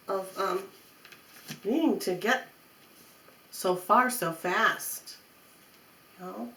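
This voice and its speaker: A woman's voice: medium pitch, fairly bright tone. A woman giving an off-the-cuff mystical tarot horoscope reading, repeating phrases in a coaxing, reassuring way. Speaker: tarot reader. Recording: roomy echo, faint background noise.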